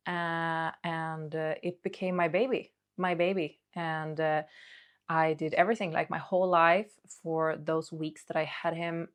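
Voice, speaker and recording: A woman talking casually and candidly to her audience in a hesitant, rambling, confiding monologue, as a video creator. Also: deep voice.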